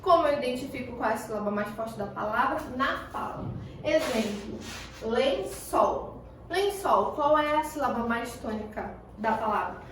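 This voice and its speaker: A Brazilian woman teaching a primary class, asking questions and answering them herself while stretching the key words slowly. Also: a little high, a little hiss or hum. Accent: Brazilian Portuguese. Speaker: schoolteacher. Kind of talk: recorded remote class lesson. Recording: echoey room, voice far from the mic.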